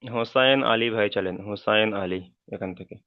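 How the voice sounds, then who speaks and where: A man's voice: fairly low pitch, normal speed, no echo. Male Quran reading teacher, patient letter-by-letter corrections, dry close sound, narrow phone-like audio. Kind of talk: online tutoring. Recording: thin phone-like call audio.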